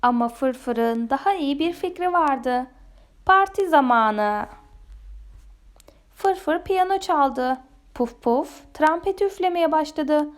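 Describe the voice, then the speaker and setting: A woman reading a children's storybook aloud in a gentle, expressive way. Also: sits high, takes it slowly.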